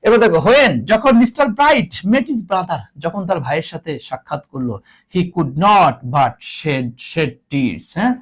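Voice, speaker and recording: A man's voice: high voice, lively intonation, unhurried. A man teaching an English grammar class, repeating each word and teasingly scolding his students. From Bangladesh.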